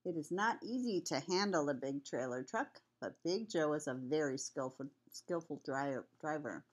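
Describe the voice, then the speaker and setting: A woman's voice: low voice, expressive, normal speed. An older woman, a sweet grandmother with a cold, reading a children's picture book aloud in a homely, chatty way. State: has a cold with cough.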